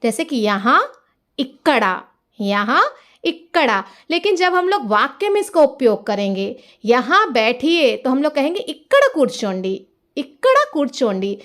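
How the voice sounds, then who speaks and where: A woman teaching as a language teacher, repeating each phrase slowly and clearly and explaining patiently. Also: sits high, sing-song, a bit bright. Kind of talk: slow, careful language lesson.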